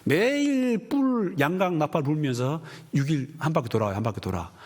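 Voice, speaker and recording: A man preaching a sermon as pastor, telling stories with lively acted-out voices. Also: medium pitch, fast. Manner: animated storytelling, acting out quoted voices.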